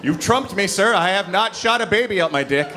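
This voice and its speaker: A man's voice: high-pitched, expressive, a little fast, very noisy. A man doing a stand-up comedy set on a club stage, brash and teasing the crowd. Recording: live club, crowd laughter. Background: audience laughing.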